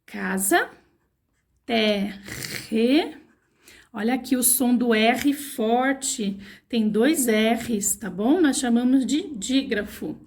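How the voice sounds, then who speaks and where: Woman, from Brazil, primary school teacher, slow patient delivery, spells words syllable by syllable, coaxing questions, fairly high voice. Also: a little mellow. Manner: asks the children questions, coaxing. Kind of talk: recorded online lesson for young children.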